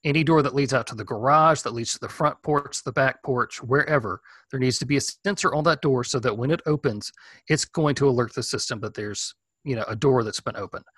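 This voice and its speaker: A man's voice: mid-range voice, fairly quick, a bit bright, slightly rough, no echo. A man, a guest expert, giving practical home security advice in a casual interview. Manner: practical, explanatory, thinking aloud.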